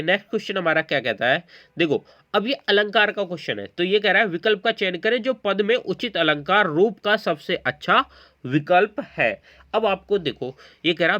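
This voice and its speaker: High-pitched and pushed, a bright male voice explains quiz questions in an exam-prep lesson, checking in with listeners again and again. The recording is lo-fi.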